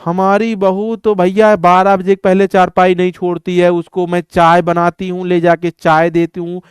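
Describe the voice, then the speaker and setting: A gossipy old granny grumbles to a friend about her daughter-in-law, played by a male teacher. The voice is lifted high and drawn out slowly. It stays set apart from his normal speaking tone. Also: little pitch movement, smooth, no room sound, studio quality, close to an everyday voice. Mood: gossiping. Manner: gossipy, complaining.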